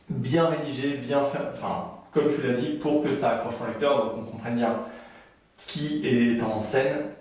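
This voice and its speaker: A man's voice: medium pitch, a little mellow, heavy reverb, recorded from a distance. A man giving a casual video lesson on writing, chatty with frequent fillers and restarts. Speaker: writing coach.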